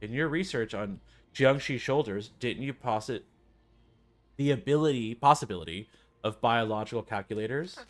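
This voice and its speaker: A young male scientist in a video game, read by a man lays things out with confidence. He is formal, measured and persuasive, at a middling pitch. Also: close to an everyday voice. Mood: assured, explanatory. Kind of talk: video game character dialogue read aloud.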